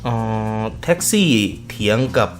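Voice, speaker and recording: A man's voice: unhurried, soft background music. A man giving casual reaction commentary on video clips, laughing often and swearing offhandedly.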